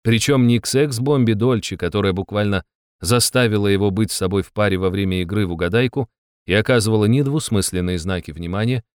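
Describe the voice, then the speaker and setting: A man's voice: fairly low pitch, fast talker, smooth, no echo, clean studio sound. A man narrating a story in a wry, ironic tone. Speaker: audiobook narrator. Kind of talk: scripted narration.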